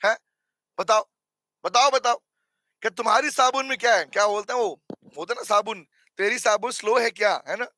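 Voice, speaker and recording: Very high-voiced hoarse male teacher. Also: fairly quick, pauses often, no room sound. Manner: teasing, animated, quizzes students. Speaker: accounting teacher. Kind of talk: live online lecture.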